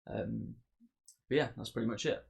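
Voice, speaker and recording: A man talks through an explanation to camera in a plain, matter-of-fact manner. His voice sits fairly low, with a gravelly, fry-laden edge. His delivery stays level, with little rise and fall. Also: steady tone, moderate pace. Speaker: channel host.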